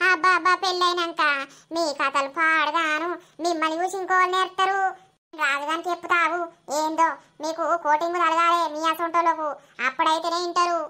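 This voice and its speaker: A woman voices a nosy village neighbor in a cartoon. She scolds and pries with a Telangana accent, in a very high, bright voice that rises when she gets heated. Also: level tone, a little fast. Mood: scolding. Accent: Telangana Telugu. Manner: scolding, prying. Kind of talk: cartoon voice acting.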